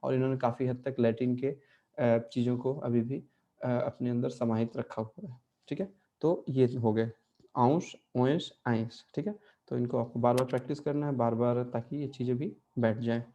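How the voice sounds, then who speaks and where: Male teacher, mellow voice, patient explaining, checks in often. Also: medium pitch, steady tone, normal speed, lo-fi sound. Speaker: Portuguese language teacher. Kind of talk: online language lesson.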